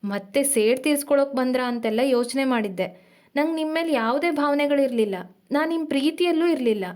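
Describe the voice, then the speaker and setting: A woman's voice: high voice, a little fast, a little mellow, close to an everyday voice. A woman voicing a young woman who hurriedly confesses a painful secret to her partner, strained and pleading.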